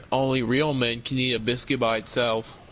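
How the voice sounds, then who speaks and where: A man's voice: mid-range voice, steady tone, normal speed, fairly bright tone, slight background noise. A man chatting casually while gaming, profane and teasing his friend. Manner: profane, teasing, laughs a lot. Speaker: friend playing along.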